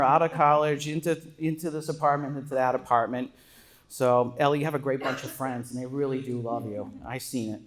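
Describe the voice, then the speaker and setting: Middle-aged man, higher-pitched voice, wedding toast. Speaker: father of the bride giving a toast. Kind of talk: wedding speech, prepared with joking asides.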